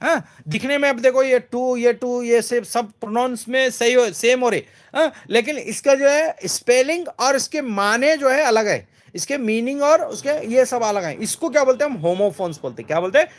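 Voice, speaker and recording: A man walking through exam questions as a teacher, asking a question and answering it himself, with many fillers. He slows right down to read English lines word by word and keeps urging viewers to comment quickly. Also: very high-pitched.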